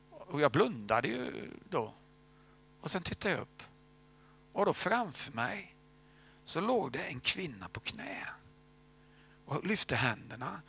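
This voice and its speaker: Gravelly-voiced man preaching a sermon. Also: fairly high pitch. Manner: storytelling, drops to hushed whispers at key moments. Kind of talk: sermon testimony.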